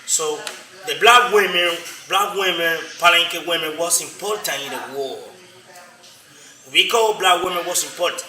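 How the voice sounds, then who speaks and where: A man from Colombia with a Colombian Spanish accent, explaining his community's history as a local guide in halting, repetitive English. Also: fairly high pitch, pushed and bright. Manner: halting non-native English, repetitive, frequent "you know?". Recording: roomy, distant from the mic, faint noise.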